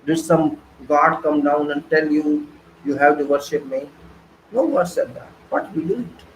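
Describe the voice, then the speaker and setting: Emphatic, preachy high-voiced male lecturer. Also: a little slow, echoey room, a little hiss or hum, low-quality recording. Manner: emphatic, preachy, full of rhetorical questions and repetition. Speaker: engineering lecturer. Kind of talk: online lecture.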